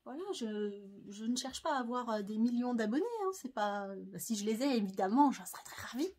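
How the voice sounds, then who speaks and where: A French woman with a somewhat high voice chats about her sewing projects at home. She is hesitant and full of fillers, yet friendly and easygoing. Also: brisk, a little mellow, slightly rough. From France. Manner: chatty, hesitant, many fillers. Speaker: sewing vlogger. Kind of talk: casual sewing chat to camera.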